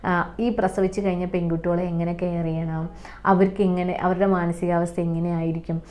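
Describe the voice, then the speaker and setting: A woman's voice: fairly low pitch, level tone, fairly quick, darkish tone. A young woman speaking, telling her own story as a mother in an earnest, emotional way, with many restarts and repeated phrases. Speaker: mother sharing her experience. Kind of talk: personal testimony, casual monologue.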